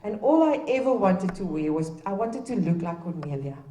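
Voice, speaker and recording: A Namibian woman whose first language is Afrikaans opens a heritage event at a museum with a public speech, her fairly low, mellow voice carrying lively intonation at a moderate pace. She sounds earnest and exhorting, restarting at times. The recording is echoey from a distant mic, with slight background noise.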